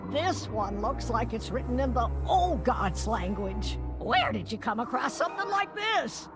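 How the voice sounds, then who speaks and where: A woman's voice: fairly high pitch, sing-song, measured pace. An actress voicing an impatient, sarcastic young troll woman in a video game. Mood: grumbling. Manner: grumbling, sarcastic. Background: game music.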